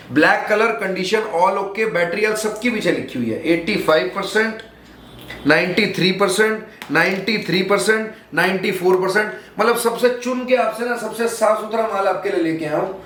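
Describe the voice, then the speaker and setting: A young man with a Delhi Hindi accent selling phones in a small shop, calling out prices in brisk, repeated sales pitches. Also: a bit bright. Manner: brisk, repetitive price calls. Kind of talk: sales pitch showing products. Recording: echoey room, faint background noise.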